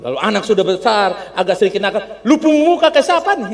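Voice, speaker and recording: A man preaching a humorous, animated sermon, calling on the congregation to respond. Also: high-pitched, fairly quick. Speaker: pastor. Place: church hall. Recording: long church hall reverb with faint music.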